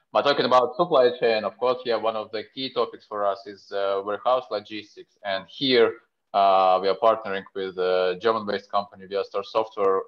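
A man speaking as a software company executive on a panel video call, halting and full of fillers. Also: on the low side. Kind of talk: panel discussion. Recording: muffled video-call audio.

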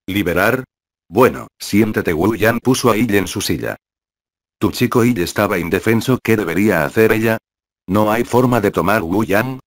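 A man narrating a translated web novel in an even, unbroken reading voice. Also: lowish voice, no room sound, studio quality.

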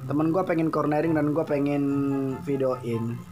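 A man's voice: a little high, normal speed. A young man speaking Jakarta colloquial Indonesian, giving a rambling, joking voice-over commentary as a motovlogger. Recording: background music under voice.

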